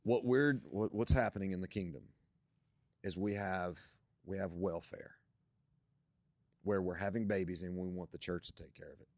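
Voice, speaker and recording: A man's voice: sits low, fairly even intonation, normal speed, darkish tone, dry recording. A young man, a guest on a church podcast, talking about faith in an emphatic, preacherly way that builds to strong points.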